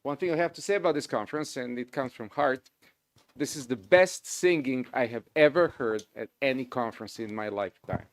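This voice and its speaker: Male conference speaker, middle-aged, Serbian accent, informal and halting delivery, close dry sound. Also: medium pitch, no room sound. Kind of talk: live academic presentation.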